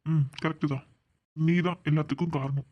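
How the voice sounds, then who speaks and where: A devoted young suitor, voiced by a woman talks in a persistent, affectionate way in a cartoon. The voice sits fairly low. The audio is a little dull. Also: steady tone, fairly quick, husky. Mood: firm. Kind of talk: cartoon voice acting.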